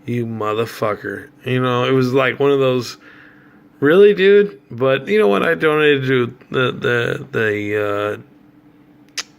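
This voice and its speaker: A man's voice: medium pitch, slow, gravelly, fairly bright tone, clean tone. A middle-aged man casually telling rambling, slangy fan stories, swearing now and then. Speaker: autograph collector and fan. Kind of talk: casual storytelling vlog.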